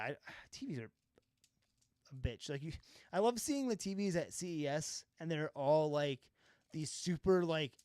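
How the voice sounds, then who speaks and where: Streaming his color grading live, a filmmaker rambles casually, filling the gaps with fillers, frequent laughs, and the odd swear word. His voice is a little high and slightly mellow with a clean tone, recorded with clean studio sound and no room noise.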